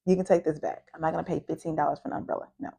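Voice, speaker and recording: Woman vlogger from the US, low voice, mellow tone, chatty storytelling. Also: rapid-fire, gravelly, husky. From United States. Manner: chatty, lively storytelling with acted-out quotes. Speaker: travel vlogger. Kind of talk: casual chat to camera.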